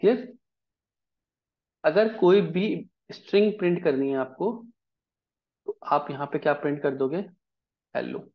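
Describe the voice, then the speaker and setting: A man teaches a live coding lesson in Hindi, walking through it step by step and often checking whether the class is following. His voice is a little high and animated, at a measured pace with frequent pauses, and the audio sounds dull.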